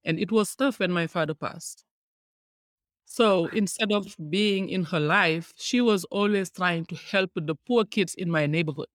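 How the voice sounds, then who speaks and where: Female podcast guest, middle-aged, Senegalese accent, lowish-toned for a woman but conversational, dry close sound. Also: a little slow, no room sound. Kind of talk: conversational personal storytelling.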